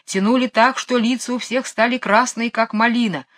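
Expressive woman reading a fairy tale. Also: fairly high pitch, normal speed. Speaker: narrator. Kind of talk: storybook reading.

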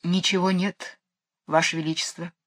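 A woman's voice: medium pitch, expressive, measured pace, fairly bright tone, no room sound, clean studio sound. Woman doing a regretful royal secretary. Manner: regretful, apologetic. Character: downcast royal secretary, male. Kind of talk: storybook reading.

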